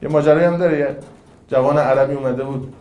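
A man giving an informal religious talk in a conversational, animated way, with rhetorical questions and jokes. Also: a little high, echoey room, lo-fi sound, a little hiss or hum. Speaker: cleric lecturer.

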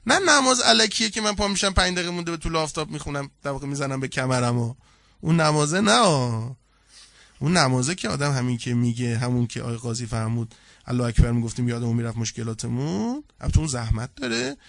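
A man, a seminary cleric, giving a colloquial sermon full of anecdotes, swinging from loud, lively telling to hushed, earnest asides. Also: medium pitch, gravelly, dry recording.

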